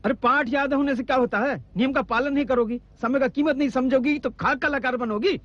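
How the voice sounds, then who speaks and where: A strict young performer who scolds sternly. His voice is very high, and the sound is dry and a little dull. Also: fairly even intonation, brisk, fairly bright tone, dry recording. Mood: scolding.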